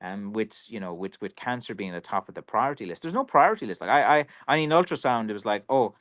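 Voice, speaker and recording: A man's voice: lowish voice, expressive, fast, fairly bright tone. An Irish man who makes walking sticks for a living, chatting casually on a livestream, rambling with lots of fillers. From Ireland. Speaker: professional stick maker. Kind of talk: casual livestream chat reading viewer comments.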